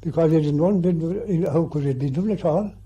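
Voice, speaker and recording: A very old man, over a hundred, with a rural County Clare accent and an aged husky voice, reminiscing haltingly in an interview and repeating his words. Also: fairly high pitch, mellow. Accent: rural County Clare Irish. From County Clare, Ireland. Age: over 100, very old. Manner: very old man's halting, repetitive speech. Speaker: interview guest. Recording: muffled 1960s archive interview recording.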